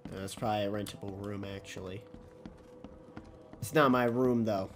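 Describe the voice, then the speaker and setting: A man giving casual, sweary gameplay commentary, thinking out loud as he plays. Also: lowish voice, steady tone, moderate pace, faint music behind. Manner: musing aloud, sweary. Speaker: game streamer.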